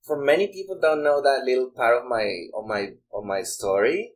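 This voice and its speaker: Guest: Mexican-accented man in his forties, native Spanish speaker, rambling and repetitive, mid-pitched. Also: moderate pace. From Guadalajara, Mexico. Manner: rambling, repeats words while searching. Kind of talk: casual chat.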